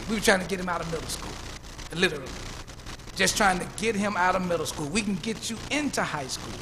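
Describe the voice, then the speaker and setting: A man, preaching a sermon as pastor and telling stories in a preacherly way. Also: high-pitched. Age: 50s. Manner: preacherly storytelling, repeats words when building up. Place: church. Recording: church hall reverb, faint room noise.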